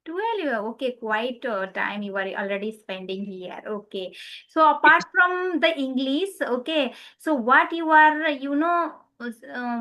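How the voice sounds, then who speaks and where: A woman's voice: high voice, sharp tone. Friendly woman asking questions. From Nepal. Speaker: conversation partner asking questions. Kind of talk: casual conversation practice.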